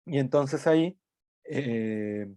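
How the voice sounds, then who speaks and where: A man's voice: mid-range voice, drawn-out words, warm tone, clean tone, no room sound. A man teaching a language class, explaining step by step and thinking aloud, often checking in with tag questions. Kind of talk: recorded lecture.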